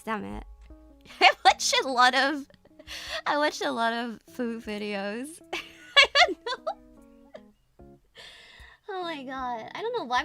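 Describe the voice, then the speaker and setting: A woman streamer chats through videos in a giggly way, laughing often. Her voice is high and bright and swings widely in pitch, and faint music plays in the background. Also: creaky. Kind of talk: casual reaction commentary.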